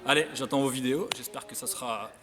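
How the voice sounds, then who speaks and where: A man's voice: mid-range voice, fast talker. A man coaching a workout, explaining each exercise and counting repetitions while he demonstrates. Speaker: fitness coach. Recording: echoey hall, distant mic, music.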